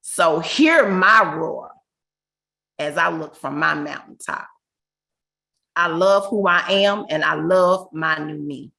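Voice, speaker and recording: A woman speaks her affirmations slowly and emphatically over a video call. Her voice is gravelly and bright, a little low in pitch. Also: poor audio. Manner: slow, emphatic, declamatory. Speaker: graduate giving affirmations.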